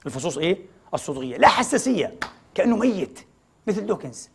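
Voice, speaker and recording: A man's voice: high-pitched, big pitch swings, fast, creaky, a little hiss or hum. A man giving a formal religious lecture to an audience, often posing rhetorical questions and answering them himself.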